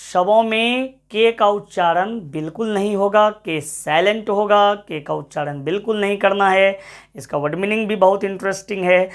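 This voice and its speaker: Male English teacher, online lecture, repetitive drilling, pep-talking students. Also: high-pitched. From Bihar, India. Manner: drills words by repeating them, urges students on; addresses students as friends, gives pep talks.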